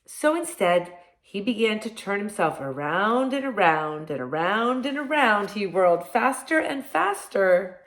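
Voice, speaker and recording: A woman hosting a read-aloud for young children like a kids' show host, talking straight to them in simple words and expressive questions. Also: medium pitch, unhurried. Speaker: kindergarten teacher reading picture books to children. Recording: echoey room sound.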